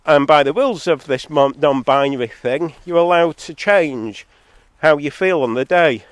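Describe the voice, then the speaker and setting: Clear and resonant despite a head cold, a Zambia-born man in England talks at a moderate pace in a meandering, argumentative solo vlog with sardonic asides. The recording is dry, but his phone or camera level is too high, causing distortion and clipping.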